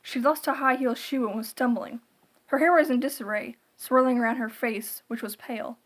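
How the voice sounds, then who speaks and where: A female narrator with a somewhat high-pitched voice reads a scripted horror tale. Her delivery is deliberate and dramatic, in the manner of creepypasta storytelling.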